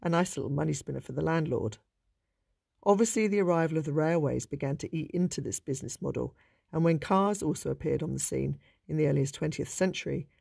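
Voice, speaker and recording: A man narrates local history in a measured, informative way, his voice slightly high and gravelly with a mellow tone. The recording is close and dry, with no room sound. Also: no room sound.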